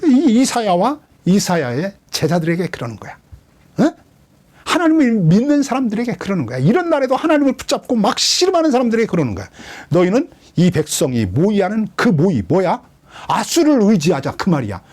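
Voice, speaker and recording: A man's voice: high voice, fairly quick. A man preaching an expository sermon as a pastor, questioning his listeners and acting out quoted lines. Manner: lively, questioning the congregation, dramatic quoted voices.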